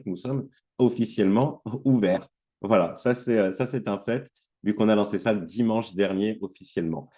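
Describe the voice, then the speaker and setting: A man's voice: on the low side, dark tone. A man with a sore throat giving a casual online training presentation, hesitant and full of fillers and restarts. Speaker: trainer presenting an affiliate platform.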